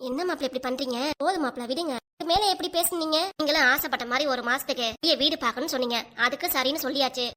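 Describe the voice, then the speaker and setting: A woman's voice: high-pitched, very fast, hardly any pauses, pushed and bright. A woman with a southern Tamil Kanyakumari accent voicing a fussy, scolding grandmother and mother-in-law in a cartoon, nagging and complaining. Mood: arguing. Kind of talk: cartoon voice acting.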